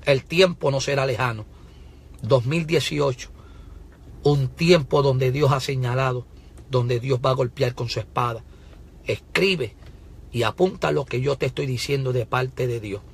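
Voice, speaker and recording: A man's voice: mid-range voice, measured pace, gravelly, breathy edge. A man preaching a prophetic sermon, fervent, repeatedly urging listeners to listen and breaking into tongues. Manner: bursts into shouted tongues.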